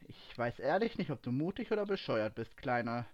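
A man's voice: mid-range voice, sing-song, fairly quick, no room sound, dull audio, natural voice. A man reading a story and voicing a surly red-haired young fighter who growls scornful taunts. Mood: mocking.

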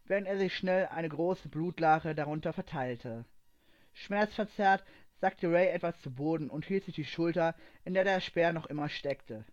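A man reading a story aloud in an even, steady storytelling manner. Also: a little high. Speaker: narrator. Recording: dull lo-fi recording.

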